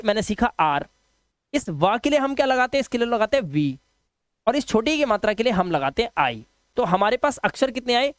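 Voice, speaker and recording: A man's voice: high-pitched, dry recording, studio quality. A man teaching a video lesson, patient and repetitive, often asking the viewers questions. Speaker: English teacher. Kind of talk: classroom-style video lesson.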